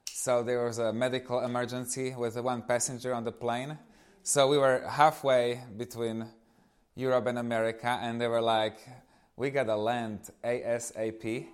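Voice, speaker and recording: This man's voice is clean in tone and medium in pitch, moving at a moderate pace. In his thirties and from eastern Slovakia, he speaks with a Slovak accent as an informal guest, animatedly telling an audience stories from his life.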